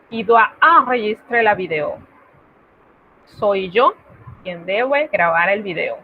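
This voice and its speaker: Teacher woman on a tinny call. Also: on the high side. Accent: Latin American Spanish. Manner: patient, explanatory, checks in with students. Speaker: French teacher. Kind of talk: online class explanation. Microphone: video call. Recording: tinny phone-like line, faint noise.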